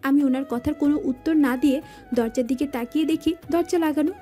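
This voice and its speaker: A woman narrating a romance audio drama in the first person, telling it in a lively manner. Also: high voice, brisk. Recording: faint background music.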